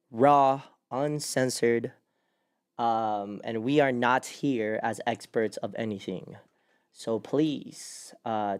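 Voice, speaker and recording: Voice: mid-range voice, darkish tone, clean tone. A host of a casual livestream podcast, playful and hyped, laughing often and joking with the crew.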